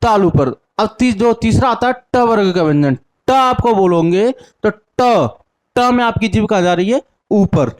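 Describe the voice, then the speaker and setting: High-voiced, slow-paced male teacher. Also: lively intonation. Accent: Hindi-speaking north Indian. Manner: sounds out syllables slowly one by one. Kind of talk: classroom lesson with call-and-response drills.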